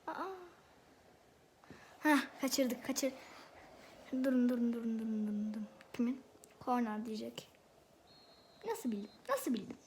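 Excitable high-voiced woman commenting her football game. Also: a little slow, long pauses, a little hiss or hum. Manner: excitable, exclaims and argues with the referee. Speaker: gameplay video host.

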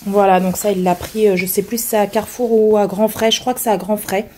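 A woman who is hoarse from being ill, chatting casually to camera as she shows her groceries, rambling with many fillers and restarts. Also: medium pitch, steady tone, fairly quick, noisy background. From France. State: hoarse from illness. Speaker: vlogger showing her groceries.

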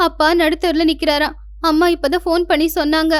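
A woman's voice: very high voice, flat delivery, quick pace, a little hiss or hum. A woman voicing a proud, pampered elder daughter-in-law in a cartoon story, sounding indignant and upset.

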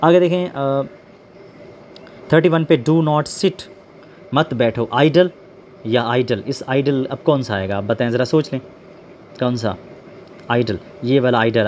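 A man teaching English vocabulary, explaining slowly, spelling words out letter by letter and asking his students questions. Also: mid-range voice, darkish tone, slight background noise. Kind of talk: classroom lesson explaining word pairs.

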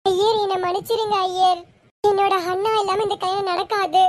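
Woman voicing a very high pleading young bride. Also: little pitch movement, normal speed, noisy background. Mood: distraught. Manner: pleading and insistent. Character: young bride, devoted to her older brother. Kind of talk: amateur family serial acting.

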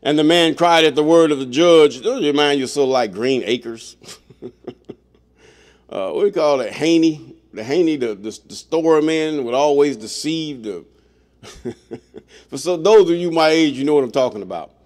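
A man's voice: on the high side, a little mellow. Man reading scripture with blunt asides. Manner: reads slowly, breaks in with blunt asides. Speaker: scripture reader and commentator. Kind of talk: reading scripture aloud with commentary.

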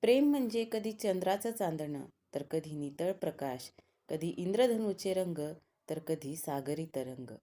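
A woman's voice: low voice, expressive, a little slow, mellow. A woman voicing a charming young male singer. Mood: romantic. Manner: smooth, addressing a crowd.

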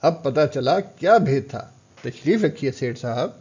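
A man's voice: medium pitch, lively intonation, a little mellow, breathy edge, dull audio. Man voicing a coaxing courtesan hostess. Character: scheming older female courtesan hostess, coaxing.

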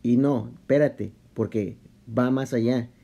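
A man explaining a Bible study in a casual vlog, talking halting and conversational with many restarts and English slang mixed in. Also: medium pitch, steady tone, gravelly, warm tone, muffled recording, faint music behind. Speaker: vlogger.

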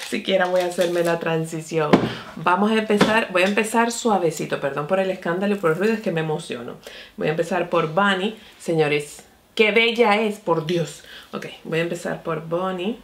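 A young beauty vlogger chats excitedly as she tries out new makeup at her vanity. Her voice sits on the low side and is gravelly with vocal fry. She keeps calling out to her viewers as she talks. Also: moderate pace. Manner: chatty and excitable, often says "mi amor" and "señores". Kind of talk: casual makeup review and tutorial.

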